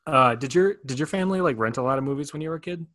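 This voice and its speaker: A man's voice: mid-range voice, rapid-fire, a bit bright, dry recording. A man from Wisconsin co-hosting a podcast in a chatty, rambling way, laughing easily. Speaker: podcast co-host. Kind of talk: casual chat.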